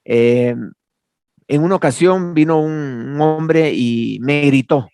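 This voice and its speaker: A man's voice: on the high side, slow pace, darkish tone, clear, resonant tone, no echo. A man teaching a Bible counseling class, earnest, repeating key phrases and quoting scripture. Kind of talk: class lecture.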